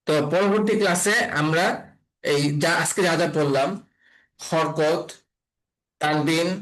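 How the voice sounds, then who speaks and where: A man's voice: a little high, rough recording. Patient man teaching Quran letter reading. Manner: patient, spells out letters slowly and repeats. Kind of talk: online class lesson.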